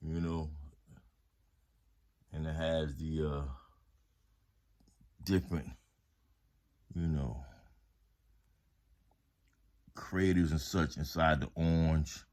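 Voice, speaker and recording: A man with a very low voice gives a relaxed product haul review. He chats straight to his viewers in easygoing slang. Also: very slow, pauses often. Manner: laid-back, slangy, talks straight to viewers. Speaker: vlogger reviewing home products.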